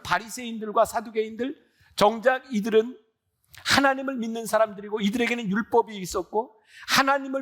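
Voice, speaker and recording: High-voiced man in his sixties preaching. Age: 60s. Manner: earnest, conversational preaching with rhetorical questions. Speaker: pastor. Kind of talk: sermon.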